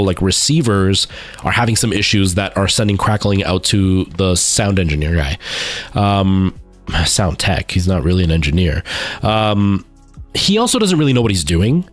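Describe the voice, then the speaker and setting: Male streamer, lowish voice, candid, self-deprecating, informal chat delivery over faint music. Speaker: streamer chatting with viewers, stage musical performer. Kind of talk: casual livestream chat.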